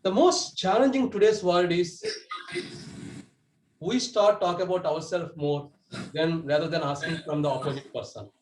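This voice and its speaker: Over a video call, a man delivers a prepared speech to his club, earnest and restarting and correcting himself as he goes. His voice is on the high side at a normal speed, and the low-quality recording is reverberant.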